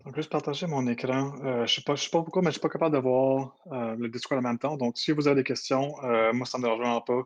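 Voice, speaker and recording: Acadian man, flat delivery, lo-fi call. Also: mid-range voice. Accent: Acadian French. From New Brunswick. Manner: fast-talking, many hesitations. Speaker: guest presenter. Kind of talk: casual online presentation. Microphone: computer mic on a voice call. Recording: dull lo-fi call audio.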